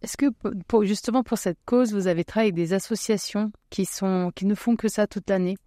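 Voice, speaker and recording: A woman's voice: medium pitch, fairly quick, warm tone, no echo, clean studio sound. A woman co-hosting a radio show, asking guests questions in a playful, teasing way. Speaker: radio co-host. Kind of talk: casual interview chat.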